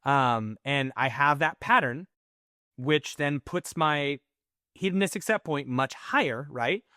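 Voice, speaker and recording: A man's voice: a little high, slow, no echo, clean studio sound. A man co-hosting a podcast in casual conversation, telling personal stories candidly and acting out his own inner voice. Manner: candid, animated storytelling with mimicked inner voices. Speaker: podcast co-host.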